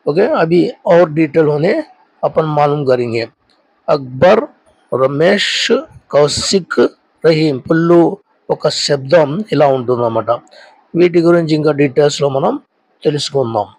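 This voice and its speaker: A man teaching a spoken language lesson. He explains slowly and repeats each point twice in two languages. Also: a little high, no room sound, poor audio. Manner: slow, deliberate drilling of sounds. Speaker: Telugu teacher.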